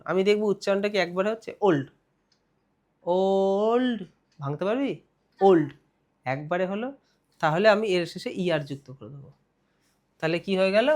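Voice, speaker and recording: A man's voice: high-pitched, fairly bright tone. A young man with a West Bengal Bengali accent, teaching a grammar lesson for an exam. He keeps asking questions and answering them himself, drawing out the key words.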